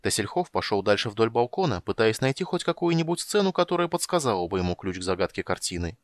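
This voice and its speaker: A male audiobook narrator with a low voice. He reads in a lively, animated way, his pitch moving widely. The recording is dry and close. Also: quick pace, no echo. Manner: expressive, animated reading.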